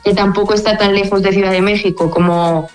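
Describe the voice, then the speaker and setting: A young Spanish woman from Asturias whose accent has picked up a Mexican mix, chatting as a football journalist guest on a radio show, relaxed and slowing down as she thinks. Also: medium pitch, faint music behind, low-quality recording. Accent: Spanish with a slight Mexican mix. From Asturias, Spain. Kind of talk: casual radio interview.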